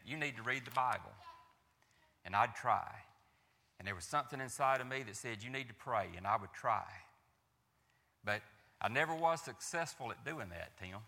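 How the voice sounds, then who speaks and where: Telling of his faith in a Southern drawl, this man speaks at medium pitch with a gravelly but bright, pressing voice, and a long hall reverb surrounds it. He is earnest and halting, repeating himself, restarting frequently, and putting rhetorical questions to his listeners.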